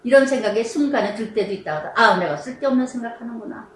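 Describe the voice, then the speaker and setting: High, lively-voiced woman pastor preaching. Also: fast talker, roomy sound, a little hiss or hum, poor audio. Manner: emphatic, repeats phrases for stress. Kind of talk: sermon.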